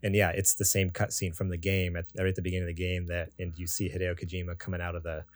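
A man co-hosting a casual podcast, talking quickly and laughing often. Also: deep voice, completely flat delivery, dry recording. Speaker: podcast co-host.

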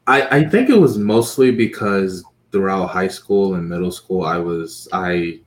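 Deep, slow, hesitant young man. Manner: hesitant, halting. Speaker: podcast panelist. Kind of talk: casual chat.

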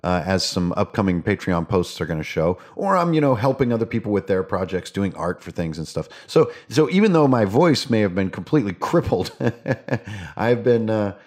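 A man's voice: lowish voice, very animated, moderate pace, a little mellow. A man hosting a casual gaming podcast, rambling along in a playful, theatrical, slangy way. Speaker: podcast host.

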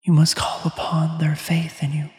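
A game master voicing a faint, distant otherworldly voice that calls through a firestorm, soft and far-off. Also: medium pitch, completely flat delivery, normal speed, roomy sound, long reverb tail, soft background music, natural voice. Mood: dreamy, distant. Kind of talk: narrating a tabletop game.

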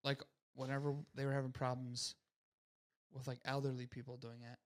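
A young man co-hosting a podcast in a mid-pitched, ordinary voice. He is laid back and thinks out loud, half reading and half guessing at how things happened. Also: completely flat delivery, moderate pace. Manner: easygoing, speculative, reading news aloud. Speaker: podcast co-host. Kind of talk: casual podcast chat.

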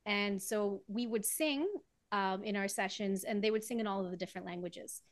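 This Trinidadian woman, a guest singer, talks at normal speed in a mid-range voice. It's a casual interview, and she's chatty, laughing often as she explains things, recorded dry and close with no room sound.

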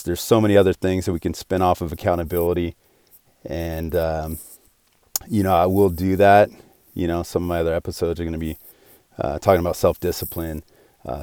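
A man's voice: deep voice, mellow, clean tone, no room sound. A man in his forties hosting his own podcast, talking alone in an earnest, rambling way with many restarts. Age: 40s. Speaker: podcast host. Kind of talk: casual solo podcast monologue.

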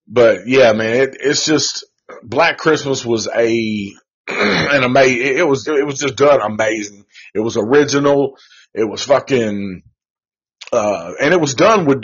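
A man's voice: medium pitch, animated, a little slow, slightly rough. A man hosting a live show, reviewing a movie in a rambling, profane, laid-back way with lots of slang. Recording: dull lo-fi recording.

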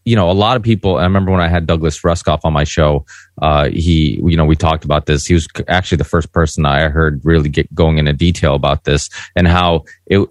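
A man's voice: deep voice, dry recording, studio quality. A man from Portugal, a podcast host, talking earnestly and rambling a little in a casual panel discussion.

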